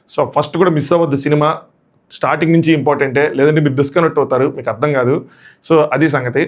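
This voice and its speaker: A man with a voice hoarse from shouting gives a casual, excited, rambling movie review and repeats his points. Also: on the high side.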